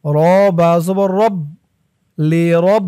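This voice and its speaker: Man, Quran teacher, melodic drawn-out recitation, dry close sound. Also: high voice, mellow, no echo. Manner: drawn-out melodic chanting on the verses, quick plain explanations between. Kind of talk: slow tajweed lesson with spelled-out letters and recitation.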